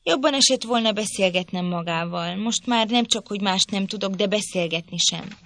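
A woman's voice: medium pitch, fairly bright tone, slight background noise, lightly acted. A woman reading aloud, voicing a sickly, petulant young man who complains fretfully. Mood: reproachful. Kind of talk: audiobook character voice.

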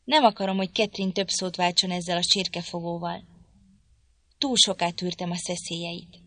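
A woman reading a stern, formal gentleman. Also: on the low side, steady tone, dry recording. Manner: stiff, formal, reproachful. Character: stern, indignant gentleman husband, cold and formal.

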